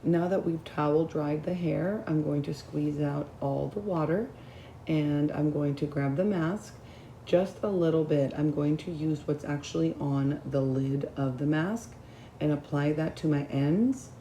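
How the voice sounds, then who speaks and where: A woman's voice: low voice, unhurried, warm tone. A hairdresser woman with a slight lisp walks viewers through a hair care routine in a casual, chatty way. She sounds roomy and echoey, recorded at a salon shampoo bowl with faint background noise. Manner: chatty, addresses viewers as you guys. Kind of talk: hair care tutorial vlog.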